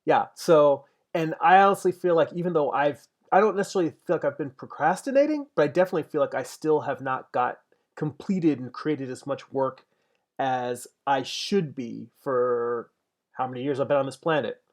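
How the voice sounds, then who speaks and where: A man's voice: medium pitch, lively intonation, moderate pace. A man in his forties chatting casually as he paints on a livestream, thinking aloud and answering viewer comments. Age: 40s. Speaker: digital painter streaming his work.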